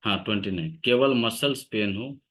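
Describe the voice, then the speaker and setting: Male acupressure teacher, low voice, measured dictation for students taking notes. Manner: dictates point names slowly, steady instructive tone. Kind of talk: online class lecture.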